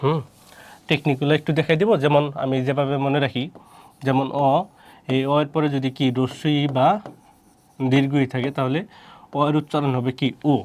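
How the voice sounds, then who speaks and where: A man's voice: mid-range voice, level tone, moderate pace, long pauses, darkish tone. A man from Bangladesh teaching pronunciation rules, repeating himself and asking questions he answers himself. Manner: repetitive, asks and answers his own questions. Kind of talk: spoken lesson on pronunciation rules.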